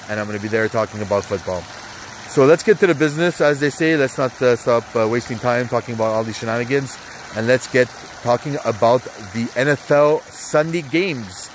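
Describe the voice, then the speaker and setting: Sitting in an outdoor spa on a cold day, a sports betting vlogger talks through his NFL picks at a fairly quick clip. His mid-pitched voice sounds congested and his throat is sore, and he rambles with lots of fillers and hyped asides. The audio is poor, with faint noise behind him.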